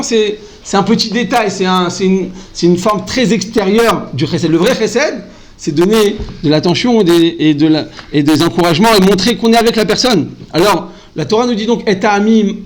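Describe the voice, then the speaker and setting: A man giving an animated Torah class, often calling out to his listeners and mixing in Hebrew terms. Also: sits high, low-quality recording. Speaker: rabbi teaching a Torah class. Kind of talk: lively Torah lesson.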